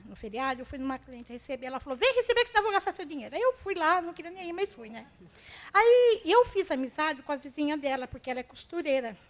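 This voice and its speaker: A Brazilian woman giving an emotional, self-deprecating testimony to a church congregation. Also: high-pitched. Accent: Brazilian Portuguese.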